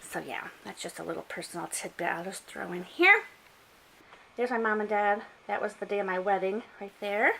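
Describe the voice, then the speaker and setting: A woman's voice: mid-range voice, lively intonation, moderate pace, gravelly, pushed and bright, low-quality recording. A middle-aged woman from upstate New York chatting casually as she films a tour of her home library, with lots of fillers and self-corrections. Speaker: booktuber giving a bookshelf tour. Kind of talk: casual chatty vlog narration. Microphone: handheld camera while filming shelves.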